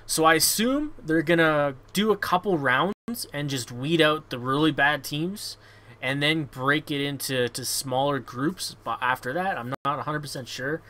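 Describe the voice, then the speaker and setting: Man, gaming podcast host, raised pitch, sharp bright tone, casual, sweary, blunt, halting repetitions. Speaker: show host.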